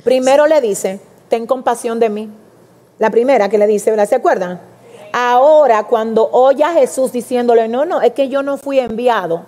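Woman preacher, animated sermon delivery, higher voice, big reverberant church hall. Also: moderate pace. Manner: animated, addresses congregation directly, acts out quotes.

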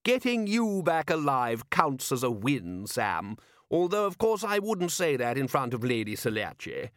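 A brisk, kindly aristocratic lady talks in a bright, fussing way, as a male narrator plays her. Her voice is pitched well above the reader's own and swings about lively. The sound is close and dry. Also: dry recording. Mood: fond.

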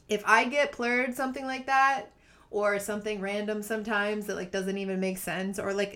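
A woman's voice: medium pitch, a bit bright. A woman co-hosting a podcast, talking in an earnest, emphatic way and laughing easily. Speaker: podcast co-host. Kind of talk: casual chat.

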